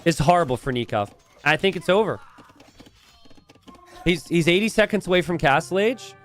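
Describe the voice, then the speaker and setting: A man's voice: fairly high pitch, expressive, a bit bright, faint music behind. A man giving live esports commentary on a strategy game as a caster, drawing out key phrases for emphasis. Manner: esports caster delivery, stressing key phrases with drawn-out words.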